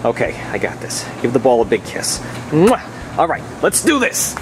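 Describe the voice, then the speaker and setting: Brief: boastful taunting puppet man, male performer, lively pitch, loud room noise. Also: moderate pace. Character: brash trash-talking puppet man. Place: indoor bowling alley. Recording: noisy room.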